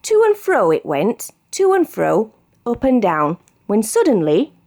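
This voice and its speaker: A British woman reads a picture book to young children in an unhurried way. Her mid-pitched voice swoops widely up and down, making the narration highly expressive and animated.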